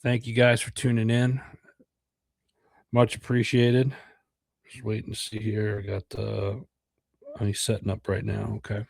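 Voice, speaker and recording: A middle-aged man from the United States, congested with a cold, hosts a rambling podcast livestream full of fillers and repeated words. His lowish voice is monotone and unhurried, with vocal fry and frequent pauses. The recording is dry.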